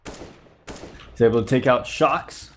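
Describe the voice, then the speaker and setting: Slow and mid-range, this slightly nasal voice belongs to a sick man hosting a YouTube channel, giving relaxed play-by-play over gameplay he's reviewing. There's a little background noise.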